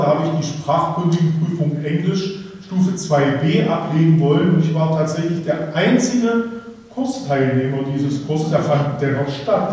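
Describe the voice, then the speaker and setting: A man's voice: on the high side, darkish tone. A man in his fifties, an association chairman giving a ceremonial speech, reminiscing with some hesitant fillers. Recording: echoey hall from far off.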